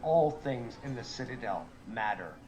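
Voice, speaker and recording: A man narrating a tabletop game recap as game master, in measured, even storytelling. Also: mid-range voice, rough recording.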